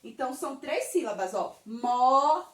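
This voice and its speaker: A woman's voice: high voice, big pitch swings, fairly bright tone. A woman teacher with a Brazilian Portuguese accent, giving a patient children's grammar lesson and checking often that the class follows. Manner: slow, patient, checks in with "tá certo?". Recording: roomy, from a distance.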